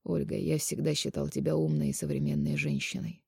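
A woman voicing a cold, scornful young man in an audiobook, speaking low, muted and dismissive. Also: flat delivery, brisk, gravelly, mellow, husky, dry recording, clean studio sound, full character voice. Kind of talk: audiobook character reading.

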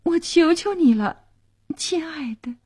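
A woman's voice: extremely high pitch, lively intonation, a little slow, mellow, voice pushed up. A woman voicing an anxious young wife who pleads plaintively, in a radio storytelling reading. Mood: pleading.

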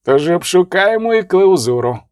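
A man's voice: sits high, lively intonation, moderate pace, no echo, clean studio sound, pitched above the performer's own voice. A man voicing a haughty duke who gives orders in an imperious, commanding tone, in an audiobook reading.

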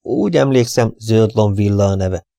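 A man reading an audiobook and voicing a fussy, precise older detective who speaks slowly and deliberately. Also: on the low side, vocal fry, warm tone, no room sound, studio quality. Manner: slow and deliberate, spelling things out.

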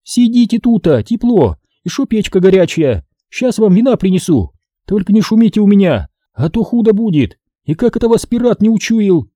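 A man's voice: high voice, big pitch swings, normal speed, dark tone, dry recording, studio quality, voice pushed up. A man voicing a stout, wary rural woman who talks in folksy village speech, scolding and fussing.

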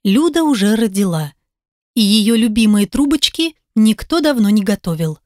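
A woman reading a first-person story aloud as an audiobook, lively and expressive, voicing the other characters as she goes. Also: medium pitch, normal speed, no echo, clean studio sound. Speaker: audiobook narrator.

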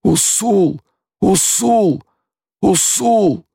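A man's voice: high voice, slow, creaky, a little mellow, no room sound, clean studio sound, voice pushed up, full character voice. A man reading an audiobook, voicing a devoted male desert warrior chief who pleads in a strained, raised voice. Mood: anguished.

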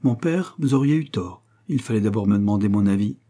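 A man reading the part of a calm, firm young engineer refusing his father in an audiobook. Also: lowish voice, fairly quick. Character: young male engineer, calm, stubborn son.

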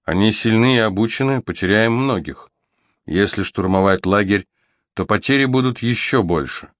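Guy doing a stern careful knight lord, lowish voice, pushes back, dry sound. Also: normal speed, no room sound, natural voice. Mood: objecting.

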